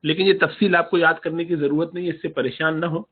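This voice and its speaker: A man teaching a Quran recitation lesson, explaining the rules and slowly reciting and stretching out example words. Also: on the high side, fairly even intonation, husky. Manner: drawn-out demonstrative recitation of examples. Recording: tinny phone-like audio.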